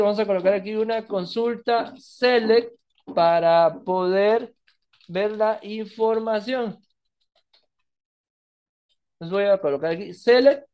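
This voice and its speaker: A man's voice: sits high, darkish tone. A man teaching a database lesson over a screen recording, walking through each step and often checking in with "¿verdad?". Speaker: database instructor. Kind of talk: screen-recorded coding tutorial.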